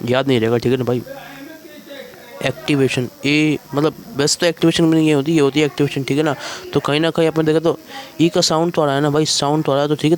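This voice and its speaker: A man's voice: medium pitch, a little mellow. A man teaching chemistry in a casual exam-prep lecture, constantly checking in with "thik hai bhai" and coaxing students along.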